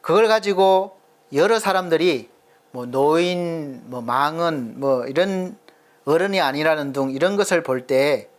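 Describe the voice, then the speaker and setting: A middle-aged male pastor preaching a sermon earnestly, asking rhetorical questions and slowing down to stress his points. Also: a little high.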